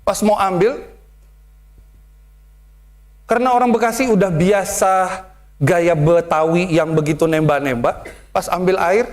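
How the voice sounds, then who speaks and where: A man preaching a sermon as pastor, telling lively stories and mimicking how other people talk. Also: high voice, unhurried, long pauses.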